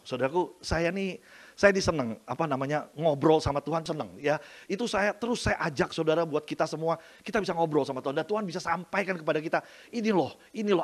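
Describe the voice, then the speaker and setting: A middle-aged man preaching a sermon as pastor, going from soft asides to loud emphasis. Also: fairly high pitch.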